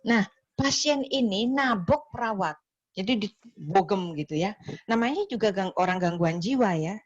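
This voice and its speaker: Woman, nursing lecturer, online class, chatty, acts out patients in little voices, middle pitch, dull lo-fi call audio. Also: expressive, moderate pace, dry recording. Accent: Indonesian. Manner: chatty, ends phrases with "ya" and "gitu ya".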